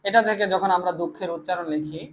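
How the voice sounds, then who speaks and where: A man's voice: sits high, steady tone, fast, fairly bright tone, a little hiss or hum. A young man from Bangladesh teaching a language lesson, explaining step by step, often repeating himself and answering his own questions. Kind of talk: classroom lecture.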